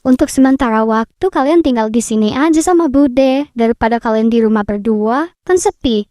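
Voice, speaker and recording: A woman voicing a kindly, hospitable aunt in an animated game story, speaking gently. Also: a little high, moderate pace, no echo, clean studio sound, natural voice. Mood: caring. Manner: gentle, welcoming.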